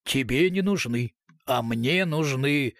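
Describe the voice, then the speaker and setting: A man's voice: on the high side, a little slow, gravelly, husky, no room sound, studio quality, heavily acted. A man voicing a stubborn male police captain who talks in terse, clipped phrases. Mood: curt.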